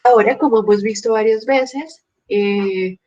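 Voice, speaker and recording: A woman teaches a grammar class at an unhurried pace. She explains patiently, one step at a time, building her points from examples. The audio is dull and lo-fi. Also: a little high, warm tone. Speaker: Spanish teacher. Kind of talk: online grammar lesson.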